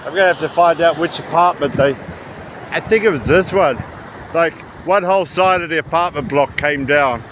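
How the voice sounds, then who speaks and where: A man with a fairly high voice talks at a moderate pace, rambling chattily like a travel vlogger as he walks along a beach. The outdoor recording is windy, with surf noise, wind, waves and general outdoor ambience behind him.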